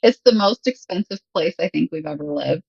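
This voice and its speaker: An English teacher from Michigan in her thirties is a guest in a casual conversation, chatting easily and laughing often. Her lowish voice is animated and brisk, a little mellow and husky, with vocal fry. The audio is dull, with no echo.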